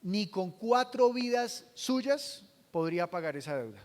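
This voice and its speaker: A man preaching a sermon as pastor, asking the congregation questions and swinging from hushed to loud. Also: high voice, big pitch swings, unhurried, big-room sound. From Colombia.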